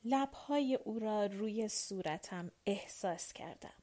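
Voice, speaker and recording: A woman narrating a novel in the first person as an audiobook, expressive and clear, softening in tender passages. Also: mid-range voice.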